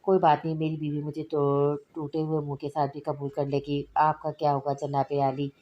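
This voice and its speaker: A woman's voice: low voice, completely flat delivery, normal speed, lo-fi sound, natural voice. A woman reading aloud voicing a teasing, cheeky young man in a novel. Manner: playful, mocking banter.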